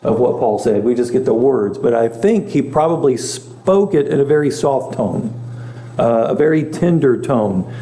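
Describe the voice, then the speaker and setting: This is a man's mellow, expressive voice at medium pitch and normal speed: a pastor giving a chatty Bible lesson and regularly quizzing his class. It was recorded in a church meeting room that sounds echoey and carries a faint hum.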